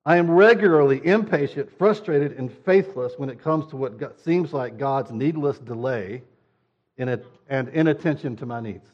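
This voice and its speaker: A man's voice: medium pitch, normal speed, lo-fi sound. A man preaching a sermon in a conversational way, sometimes acting out whiny quoted voices. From United States. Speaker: pastor.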